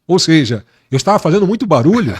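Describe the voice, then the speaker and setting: A man with a somewhat high voice tells his faith testimony as a pastor in an interview. He speaks earnestly and takes his time. He stresses his points by repeating words. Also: sing-song, breathy edge. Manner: earnest, slow and emphatic, repeating words for weight.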